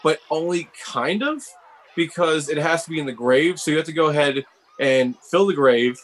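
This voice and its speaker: A man's voice: on the high side, normal speed, fairly bright tone, low-quality recording. A man co-hosting a casual chat about game cards, rambling and filling his talk with "like". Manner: rambling, heavy use of "like". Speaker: co-host reviewing cards.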